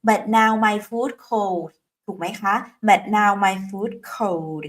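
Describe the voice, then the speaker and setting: Female English teacher for an online lesson; slow, drills phrases word by word, quizzes her viewers. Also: medium pitch. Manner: drills phrases slowly, repeating them word by word; questions viewers and prompts them to repeat aloud.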